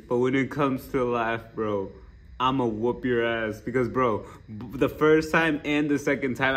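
A young man hosting a reaction video, talking casually with lots of swearing and jokes, getting worked up. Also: medium pitch. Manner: profane, joking, riled up.

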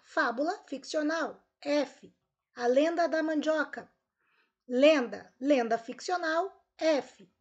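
A woman teacher with a Brazilian Portuguese accent, going over homework answers with her pupils in an upbeat recorded lesson. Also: high voice. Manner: upbeat, lively, talks straight to pupils.

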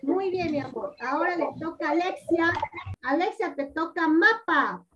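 High-pitched lady teacher on a video call, coaxing and patient, kinda distant and muffled audio. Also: lively intonation, fairly bright tone, slight background noise. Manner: patient, coaxing, repeats words slowly. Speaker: primary school teacher. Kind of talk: online class teaching. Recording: dull lo-fi audio, distant from mic.

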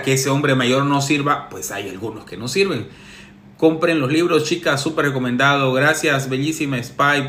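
A man's voice: on the high side, a bit bright, reverberant, a little hiss or hum. A relationship coach, a man, reads viewer messages and answers them with sarcastic, teasing advice in a casual monologue.

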